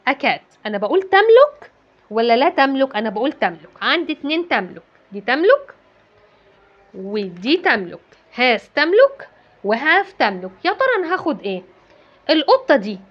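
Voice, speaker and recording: An Egyptian Arabic-accented woman explains a lesson to young pupils in a higher, very animated voice. She keeps asking and then answering her own questions and repeats key words. The recording sounds dull and lo-fi. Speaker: English teacher for children. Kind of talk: classroom-style lesson explanation.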